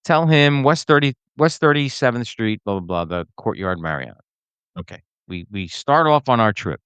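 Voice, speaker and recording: A man co-hosting a podcast, telling a ranting story in casual chat and mimicking people in high voices. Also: animated, moderate pace, a bit bright, clear, resonant tone, no room sound. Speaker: podcast co-host.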